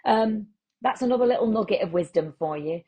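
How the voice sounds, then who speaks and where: A woman with a Lancashire accent hosting a comic podcast, rambling through absurd deadpan asides and calling listeners treasure. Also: medium pitch, fairly quick, breathy edge. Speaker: podcast host.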